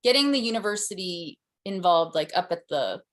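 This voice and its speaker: Woman presenter, lowish voice, easygoing Q&A answers on a call. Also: expressive, moderate pace. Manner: conversational, with fillers and restarts. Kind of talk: conference Q&A answer.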